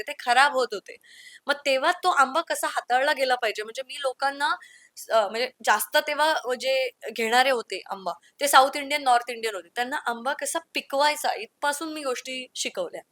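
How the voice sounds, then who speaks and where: Interview guest: young woman from the Konkan, bright, slightly high voice, lively anecdotes, dry close sound. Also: a little fast, dry recording. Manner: storytelling, lively with quoted asides. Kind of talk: candid conversational interview.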